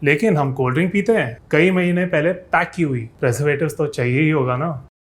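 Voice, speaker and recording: Speaking a little fast in a slightly high voice, a man who runs a fitness YouTube channel reads a scripted explainer. He addresses viewers directly, leaning on rhetorical questions and sarcastic remarks.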